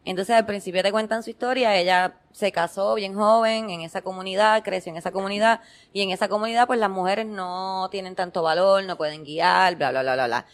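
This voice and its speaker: A woman's voice: mid-range voice, steady tone, brisk. A woman in casual chat, curious and chatty as she recounts a show.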